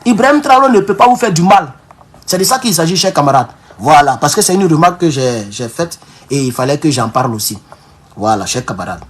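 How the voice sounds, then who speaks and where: His voice is on the high side, slightly rough, a bit fast, and swings widely in pitch as he hosts a political livestream with an African French accent. Again and again he addresses viewers as comrades, speaking fervently and emphatically while repeating phrases and restarting words.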